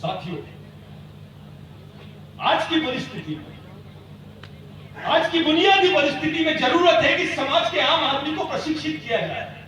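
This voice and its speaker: Heavily echoing distant recording, loud noise, man, booming rousing speech, exhortatory. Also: expressive, a little slow, long pauses. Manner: emphatic, exhortatory, repetitive phrasing, rhetorical questions. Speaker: activist leader addressing a community convention. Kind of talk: booming, rousing political-style speech to a gathering.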